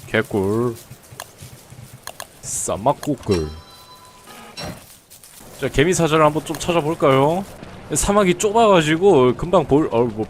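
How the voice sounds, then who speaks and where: A game streamer talks casually over his own gameplay, chatting with viewers and teasing the on-screen characters. His voice is on the high side, with a little hiss or hum and faint game music in the background.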